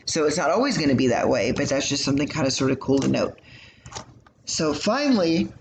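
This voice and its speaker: A man's voice: a little high, very animated, fairly quick, creaky. A man teaching a recorded math lesson, explaining in a casual, chatty way with lots of fillers. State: yawning, tired. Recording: echoey room with faint hum.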